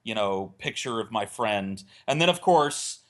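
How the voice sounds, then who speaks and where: Unhurried and fairly low-pitched, a man rambles through a crude comedic tale on a relaxed podcast, animatedly acting out what people said.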